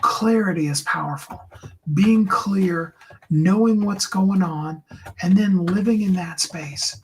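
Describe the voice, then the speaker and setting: On a rough recording with some hiss or hum, a coach who hosts his own channel encourages viewers earnestly in a higher tenor. He frequently slows his delivery and sinks into a gentle whisper.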